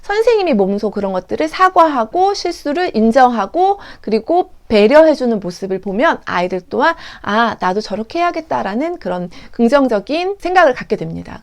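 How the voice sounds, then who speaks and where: A woman teacher giving an earnest, instructive lecture to other teachers, acting out classroom examples as she goes. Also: on the high side.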